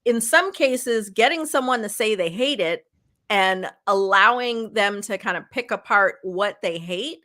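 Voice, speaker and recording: A woman's voice: medium pitch, animated, unhurried, bright, forceful tone. A woman hosting an interview podcast, talking in a chatty way and thinking aloud as she builds her questions. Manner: chatty, many "you know" fillers, thinks aloud. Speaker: podcast host.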